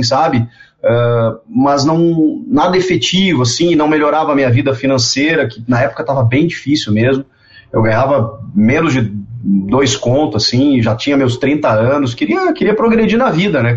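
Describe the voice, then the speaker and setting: A man, telling stories in a casual interview, animated and repeating words as he goes. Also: mid-range voice, moderate pace. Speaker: guest. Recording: dull lo-fi sound.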